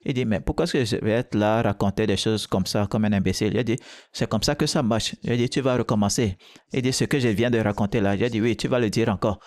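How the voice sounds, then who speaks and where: A man's voice: on the low side, fast talker, hardly any pauses, darkish tone, no room sound, studio quality. A man preaching a sermon, emphatic and exhorting, with short repeated calls to the listeners.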